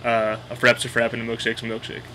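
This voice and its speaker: Bright-voiced Boston man, blunt and casual. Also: medium pitch, completely flat delivery, fast talker, a little hiss or hum. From Boston area, United States. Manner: opinionated, blunt, profane. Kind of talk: casual explainer of local slang.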